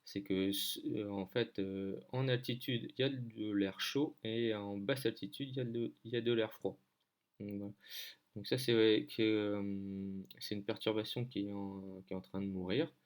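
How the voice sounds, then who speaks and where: A man's voice: fairly low pitch, steady tone, normal speed. A man from France giving a casual screen-share lesson on weather maps, hesitant, with many fillers as he thinks aloud. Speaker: weather-map tutor.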